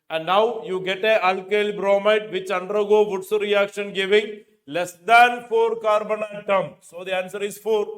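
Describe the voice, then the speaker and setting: In an indoor studio equipped with a digital board, a middle-aged man with an Indian accent coaches students for exams, working through questions and repeating key phrases to stress them. He's a chemistry teacher with a high-pitched, fairly bright voice, recorded on a lapel microphone.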